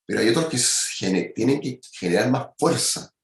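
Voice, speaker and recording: A man's voice: mid-range voice, animated, normal speed, reverberant. A man giving a university anatomy lecture, checking in with his students again and again. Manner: explanatory, peppers speech with "¿ya?" and "¿cierto?".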